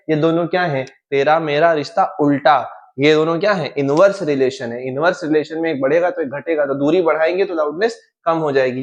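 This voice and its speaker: Young man, informal physics coach, slightly high voice, lively asides, casual exam-prep lesson. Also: dull audio. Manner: lively, chatty and informal, mixes in English terms and playful asides. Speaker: physics teacher.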